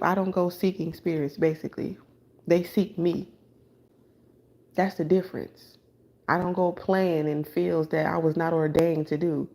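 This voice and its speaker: A woman's voice: fairly low pitch, mellow, rough recording. A woman who reads tarot, talking in a late-night spiritual monologue after staying up all night, loose and blunt, with restarts and casual swearing. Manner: loose, conversational, with filler words and frequent restarts. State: up all night without sleep. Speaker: tarot reader.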